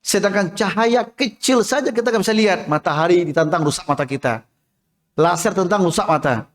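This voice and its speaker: A man's voice: high-pitched, a little fast. A man preaching a mosque sermon in a storytelling way, often asking the women listening questions and acting out quoted voices. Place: mosque hall. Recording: long reverb of a hall.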